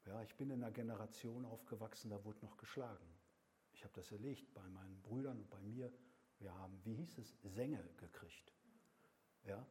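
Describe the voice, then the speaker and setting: An older man preaching a sermon, swinging between loud emphatic lines and soft whispered passages, with slow, deliberate repeated phrases. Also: fairly low pitch, slight background noise.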